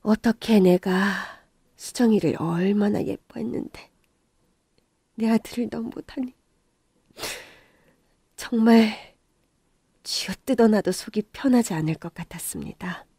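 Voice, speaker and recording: A woman's voice: a little slow, pauses often, mellow, breathy edge, no echo, clean studio sound. Somber woman narrating a radio story. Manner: low, somber, confessional.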